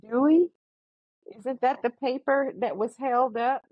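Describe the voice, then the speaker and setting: A woman interviewing her father with animated, opinionated questions, heard through low-quality streamed audio. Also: unhurried, no echo. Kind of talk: casual family interview. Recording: dull lo-fi low-bitrate audio.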